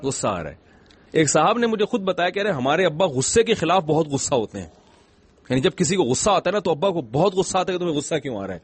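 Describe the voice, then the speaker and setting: This middle-aged Islamic scholar's voice sits on the high side, husky and very animated. He delivers a conversational religious talk in a gentle, funny storytelling style, leaning on rhetorical questions.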